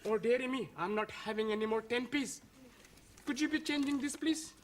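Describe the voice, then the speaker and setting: A fretful student gambler. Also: male voice, extremely high pitch, normal speed, a little hiss or hum. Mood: fretting. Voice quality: broken English, fretful exclamations. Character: anxious male student gambler. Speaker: adult student at a pub. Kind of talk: 1970s studio sitcom acting.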